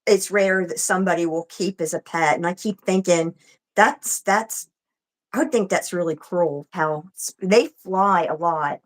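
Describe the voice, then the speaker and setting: A woman's voice: lowish voice, unhurried. A woman co-hosting a casual livestream chat, conversational with short agreeing replies. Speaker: livestream co-host.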